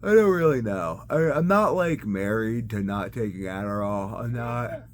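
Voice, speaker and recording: With a lowish voice, this man sounds animated and speaks at a moderate pace, though he's sleepy. He's a vlogger meandering through a personal video diary, hesitating and thinking aloud as he goes. There's clear noise in the background.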